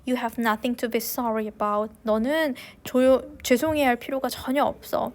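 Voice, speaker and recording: A woman voicing a gentle, comforting mother who speaks softly to her crying son. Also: a little high, steady tone, a little slow. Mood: soothing. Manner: soft, soothing.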